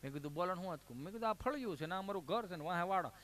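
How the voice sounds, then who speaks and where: A man telling comic folk stories on stage in a Kathiawadi Gujarati accent. His voice is high and bright. He switches lively into the voices of the people in his anecdotes. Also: very fast. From Amreli district, Gujarat. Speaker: folk comedian storyteller.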